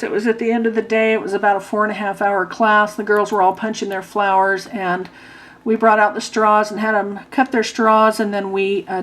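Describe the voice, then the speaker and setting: Female craft instructor, casual walkthrough style, hoarse and dry-mouthed, mid-pitched, talking through a stiff, sore jaw. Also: poor audio. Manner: stiff-jawed speech, as with a sore, wired jaw. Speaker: craft class instructor presenting a tutorial.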